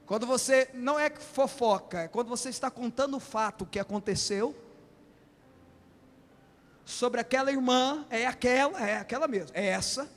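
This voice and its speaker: A man preaching a sermon as a bishop, impassioned and often shouting in a church hall. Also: very high voice, moderate pace. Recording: long hall reverb.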